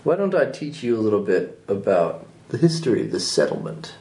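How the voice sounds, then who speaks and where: A man voicing a very old man, a courteous, grave sage who speaks in a measured, formal way at a tabletop game. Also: lowish voice, sing-song. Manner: measured, formal, gently probing. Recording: roomy tabletop recording with faint noise.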